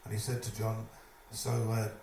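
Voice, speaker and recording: A man telling a lively stage anecdote, putting on other people's voices as he goes. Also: on the low side, moderate pace. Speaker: storyteller at a live evening event. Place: live event venue, indoors. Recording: echoey room, distant mic, noisy.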